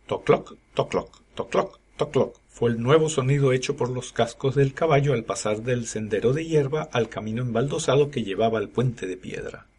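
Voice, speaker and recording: A man narrating a scripted story with steady storytelling delivery. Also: mid-range voice, fairly quick, few pauses, slightly rough. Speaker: podcast narrator.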